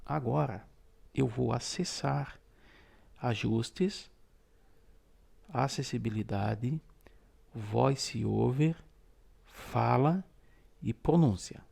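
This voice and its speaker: Gravelly man teaching patiently. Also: mid-range voice, very slow, long pauses, mellow. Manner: patient, explains each gesture aloud. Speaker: tutorial host. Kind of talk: step-by-step screen-reader tutorial.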